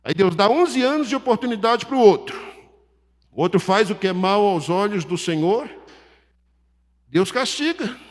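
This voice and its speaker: A man's voice: high voice, normal speed, long reverb tail. A man preaching an expository sermon, reading and explaining Bible verses and rising to urgent emphasis.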